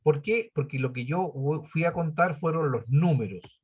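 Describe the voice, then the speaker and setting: A man's voice: fairly high pitch, moderate pace, a little mellow, husky, highs cut off. A man teaching a spreadsheet lesson, patiently explaining formulas step by step and counting items aloud. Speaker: computing teacher.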